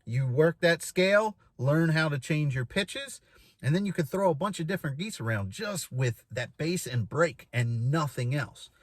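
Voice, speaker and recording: A man's voice: on the high side, animated, moderate pace, dry recording. Man giving a dry-sounding informal lesson. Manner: explanatory, repeats key phrases and demonstrates with short syllables. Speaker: goose calling instructor. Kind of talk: informal instructional demonstration. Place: inside a parked vehicle.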